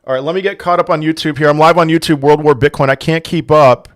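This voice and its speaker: On a desk microphone, the Portuguese crypto livestream host speaks quickly in a steady voice on the high side. He reads the chat's questions aloud and answers casually, rambling and restarting often.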